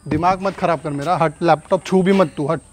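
A man with a high voice scolds and threatens in a staged home argument. Faint noise sits behind him. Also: steady tone, a little fast. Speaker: prankster husband.

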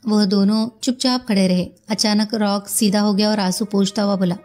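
A woman narrating a detective story in a steady, formal reading voice. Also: mid-range voice, normal speed.

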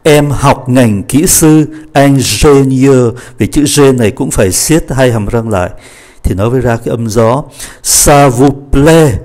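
A male teacher walks his learners through French pronunciation, one sound at a time. He talks at an unhurried, measured pace, modeling each phrase slowly. His voice sits at an ordinary middle pitch. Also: darkish tone. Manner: slow, deliberate model readings of French phrases between quick explanations. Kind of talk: pronunciation lesson.

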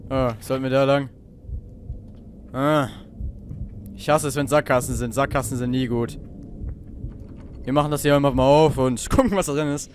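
A man's voice: medium pitch, steady tone, normal speed, pauses often, slight background noise. A teenage boy playing a horror game and joking nervously to his viewers, with faint game ambience behind him. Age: teens. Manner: nervous, joking, talks to viewers, sudden shouts. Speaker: let's play gamer. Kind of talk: horror let's play commentary.

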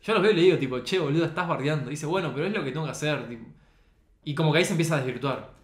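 This young adult speaks rapid-fire, his voice sitting on the high side, with a Rioplatense Spanish accent. As a photographer guesting on a podcast, he chats casually but earnestly, peppering his speech with slang fillers, and the studio adds a spacious echo.

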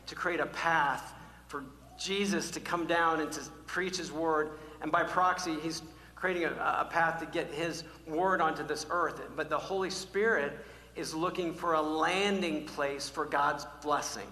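Guy preaching a sermon, kinda high voice, big echoey church sound, repeats stuff, gets loud then goes quiet. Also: steady tone, unhurried. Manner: emphatic, repeats key words, varies from loud calls to near-whisper. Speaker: pastor. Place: church sanctuary. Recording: echoey hall, faint hum.

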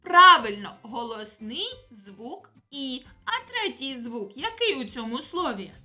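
Woman teacher, Ukrainian accent, slow, clear, encouraging, bright tone. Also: high-pitched, big pitch swings, soft background music. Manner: warm, encouraging, slow and clear for small children. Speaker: preschool teacher. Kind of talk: remote literacy lesson for preschoolers.

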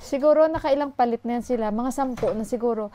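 A woman's voice: fairly high pitch, fast talker, mellow, slight background noise. A woman from the Philippines, talking casually to her vlog viewers from home on a handheld phone camera and calling them "guys" every few words. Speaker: vlogger. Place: home, indoors.

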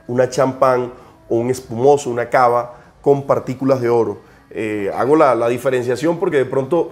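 A man's voice: medium pitch, a little mellow. A Colombian man, a cigar producer, talking as an interview guest with a hesitant delivery and many repeated words. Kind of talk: conversational interview.

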